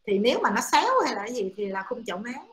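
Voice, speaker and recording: A woman's voice: on the high side, big pitch swings, fast talker, a bit bright. A woman giving a classroom lecture to students, explaining step by step with many hesitant fillers. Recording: echoey room.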